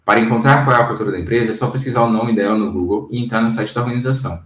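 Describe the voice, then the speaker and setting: A man in his own casual video lesson, coaching viewers on job interviews. He speaks directly and conversationally at an average pitch for a man, often pausing to check that his listeners follow. His voice sits a little back from the microphone in a roomy space. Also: steady tone, recorded from a distance. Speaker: career coach.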